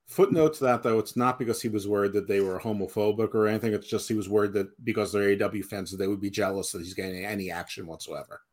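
A man co-hosting a wrestling podcast over an online call, tossing in quick crude wisecracks. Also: on the low side, steady tone, a little mellow. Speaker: podcast co-host. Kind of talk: casual chat.

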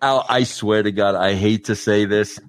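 A man's voice: fairly low pitch, fairly even intonation, moderate pace, dry recording. A man hosting a talk show, telling stories animatedly and often saying "bro". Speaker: podcast host. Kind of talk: casual excited chat.

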